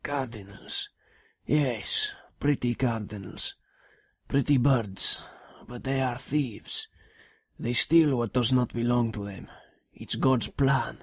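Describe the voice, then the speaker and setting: An actor playing a confused, childlike elderly pope, speaking halting broken English in an audio drama. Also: male voice, mid-range voice, slightly rough, dry recording, clean studio sound. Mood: dotty. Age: older.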